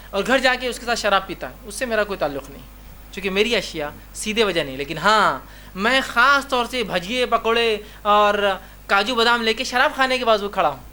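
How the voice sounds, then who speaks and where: A man's voice: sits high, bright, forceful tone, a little hiss or hum. A man giving a religious lecture. He talks emphatically, keeps repeating "remember" and acts out short dialogues in his examples. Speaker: Islamic preacher.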